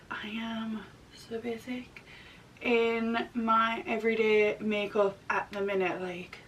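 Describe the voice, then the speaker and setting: A woman's voice: creaky, fairly bright tone. A woman in her thirties chatting casually through a makeup tutorial while getting over a throat and chest infection. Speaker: makeup artist and vlogger. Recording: distant mic, rumbly background noise.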